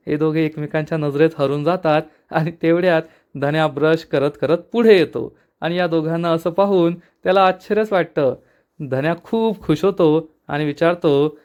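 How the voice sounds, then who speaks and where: A man briskly retelling the plot of a TV serial episode, quoting the characters as he goes. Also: a little high, a little mellow. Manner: brisk storyteller, quotes characters. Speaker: episode reviewer.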